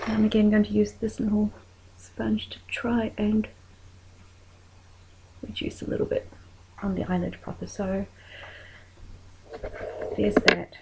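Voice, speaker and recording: Soft-spoken New Zealand woman, gravelly. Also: mid-range voice, fairly even intonation, slow, long pauses, slight background noise, low-quality recording. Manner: soft-spoken, often trailing into whispers while working. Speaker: makeup tutorial creator. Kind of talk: casual makeup tutorial.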